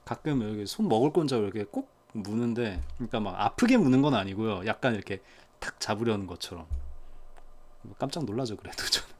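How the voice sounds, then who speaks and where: Pets coaxing a soft-spoken man. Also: lowish voice, expressive, fast talker. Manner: chatty, talks softly and coaxingly to his pets between asides to viewers. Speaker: pet vlogger. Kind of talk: casual narration while handling pets.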